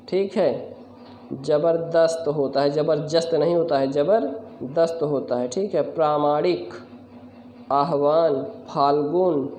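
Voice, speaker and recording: A man's voice: on the high side, dark tone, muffled recording. A man teaching correct Hindi spelling, going word by word and correcting common mistakes, often addressing viewers as friend. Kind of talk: spelling lesson to camera. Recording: echoey room, faint background noise.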